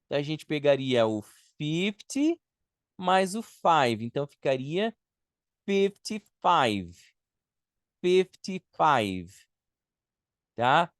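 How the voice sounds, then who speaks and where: A man with a Brazilian Portuguese accent leads a live online beginner lesson. He talks at an unhurried pace, repeating each word patiently so students can copy it. The recording is dry, with no room echo. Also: fairly high pitch, very animated. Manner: patient, repeats words slowly to model pronunciation. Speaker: English teacher.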